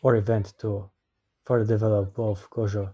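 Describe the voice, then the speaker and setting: A man's voice: on the low side, little pitch movement, moderate pace, mellow, husky, lo-fi sound. A man narrating a scripted review as an anime reviewer.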